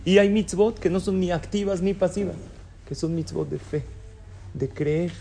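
A man's voice: sits high, moderate pace, creaky, crowd noise. A man teaching a casual religious class, asking students questions and joking with them. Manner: conversational, asks students questions and jokes. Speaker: Torah teacher.

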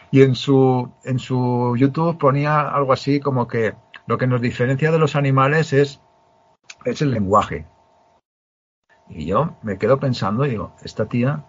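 Husky-voiced man telling a story. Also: mid-range voice. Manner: storytelling, emphatic with frequent restarts. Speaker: podcast host. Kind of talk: casual conversation. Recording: muffled lo-fi sound.

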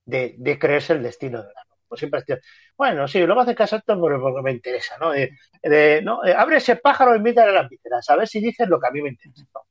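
A man's voice: on the high side, sing-song, fast, slightly rough. A man with a Spain Spanish accent co-hosting a podcast, rambling and joking in casual chat, his sentences often trailing off. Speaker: podcast co-host. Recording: dull lo-fi dry sound.

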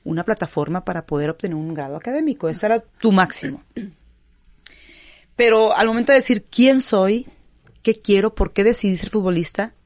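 A young adult woman from Mexico with a Mexican accent, a professional footballer answering interview questions in an expressive, animated way. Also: medium pitch, no room sound, clean studio sound. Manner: expressive, animated storytelling with quick asides.

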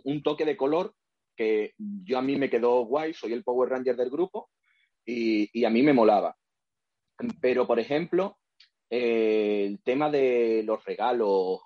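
A man, talking in a halting, rambling way full of fillers on a podcast. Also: mid-range voice, no echo. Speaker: podcast guest. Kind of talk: casual podcast discussion. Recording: dull, dry lo-fi sound.

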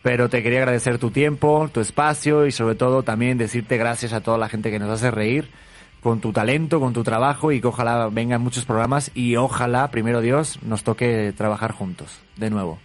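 A man's voice: medium pitch, steady tone, brisk. A man with a Spanish accent hosting an interview in a jokey, affectionate way, laughing often. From Spain. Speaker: host. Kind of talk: casual interview chat.

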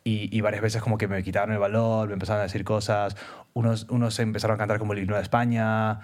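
A young man from Peru co-hosting a casual podcast chat, telling stories animatedly and acting out quotes with sudden high exclamations. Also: flat delivery, fast, a little mellow. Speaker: podcast co-host.

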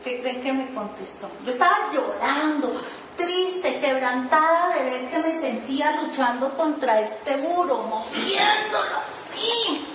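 A woman pastor preaches a sermon in a high-pitched, animated voice at a measured pace, with background noise present. She tells her own story and acts out her pleading in a sing-song whine, sounding far off in an echoey room.

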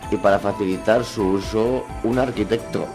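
A man's voice: on the low side, steady tone, normal speed, a little mellow, soft background music. A man hosting a radio comedy show, reading odd news with crude jokes and constant swearing. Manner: crude, joking banter with heavy swearing.

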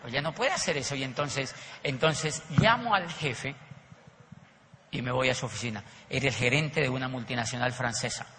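A man's voice: medium pitch, moderate pace, pushed and bright, in a large hall, slight background noise. A man giving a motivational seminar talk on network marketing, telling stories animatedly and acting out the voices.

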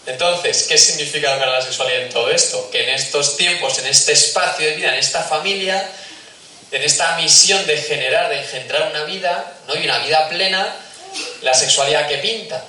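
Male speaker addressing parents, bright and forceful, chatty with asides to the audience, recorded far off in a roomy hall. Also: on the high side, brisk, slight background noise. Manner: conversational, asks the audience questions, acts out little scenes. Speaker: speaker giving a talk on family and faith. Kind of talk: talk to parents.

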